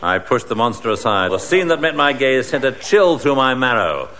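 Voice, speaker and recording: A man playing an earnest adventurer who narrates in a mock-dramatic, deadpan radio comedy style. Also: mid-range voice, moderate pace, slight background noise. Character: earnest hero adventurer narrating his Gothic exploits.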